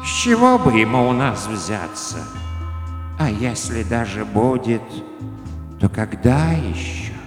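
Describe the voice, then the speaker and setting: A man voicing a gloomy, drowsy female Death speaking slowly in a radio story reading. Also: a little high, very animated, pitched above the performer's own voice, heavily acted. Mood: despondent. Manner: slow and glum. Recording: echoey room with faint music.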